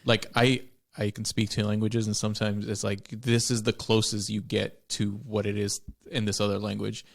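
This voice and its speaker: A man in a casual book discussion, circling his ideas with likes and restarts. His voice sits low with a gravelly creak. The recording is dry and close, with no room echo. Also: level tone, normal speed. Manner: searching for words, many likes and restarts. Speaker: podcast co-host.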